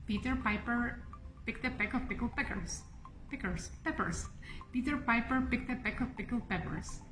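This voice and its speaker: A woman's voice: a little high, brisk, fairly bright tone. Echoey young woman reciting tongue twisters. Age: young adult. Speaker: host of a tongue twister challenge. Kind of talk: casual tutorial, demonstrating tongue twisters. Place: indoors, seated facing the camera. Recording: roomy echo, faint music behind.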